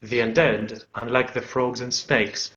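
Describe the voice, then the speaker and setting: A man's voice: medium pitch, steady tone, unhurried, a bit bright, lo-fi sound, close to an everyday voice. A man voicing a wise, solemn dragon-like patron creature who speaks like an old sage in a tabletop game. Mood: solemn, stern.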